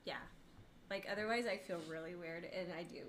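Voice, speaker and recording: A young woman co-hosting a casual podcast chat, wry and deadpan, often laughing at her own awkwardness. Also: lowish voice, fairly quick, slight background noise. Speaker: podcast co-host.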